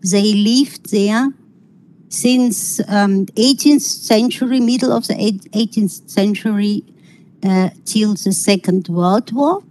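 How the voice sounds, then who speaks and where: Slow, halting middle-aged woman lecturing online. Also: medium pitch, darkish tone, poor audio. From Kazakhstan. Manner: halting, searching for words, non-native phrasing. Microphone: video call.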